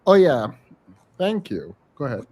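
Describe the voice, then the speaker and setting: A man co-hosting a podcast, reading viewer messages in casual chat, animated and laughing, dropping into low mutters. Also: measured pace, breathy edge, poor audio. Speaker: podcast co-host.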